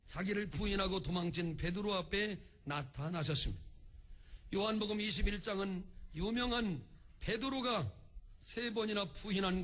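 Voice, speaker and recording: A male pastor preaching a sermon in an animated style, acting out the quoted speech of the people in his story. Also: high-pitched, husky. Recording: broadcast recording of a church service.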